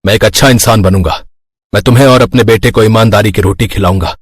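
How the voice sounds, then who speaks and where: A man's voice: on the low side, quick pace, slightly rough, dry recording, clean studio sound. An actor voicing a bandit father who resolves earnestly to go straight. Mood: resolute. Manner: firm, earnest.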